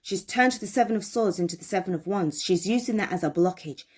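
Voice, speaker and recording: A tarot reader with a mid-range, darkish voice speaks fairly quickly and emphatically during a reading. She repeats phrases and poses questions to her viewers.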